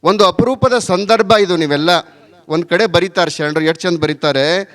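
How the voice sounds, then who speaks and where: A man's voice: high voice, moderate pace, a bit bright. A middle-aged man with a North Karnataka accent giving a folksy village sermon, chatty and often asking the crowd rhetorical questions. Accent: North Karnataka Kannada. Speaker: religious leader giving a blessing sermon.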